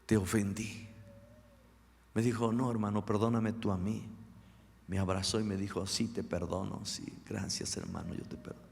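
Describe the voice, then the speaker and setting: A man's voice: lowish voice, little pitch movement, normal speed, creaky, a little mellow. An older man, a pastor preaching a sermon and acting out the dialogues of his own stories. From Mexico. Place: church sanctuary. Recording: echoey church hall with long reverb.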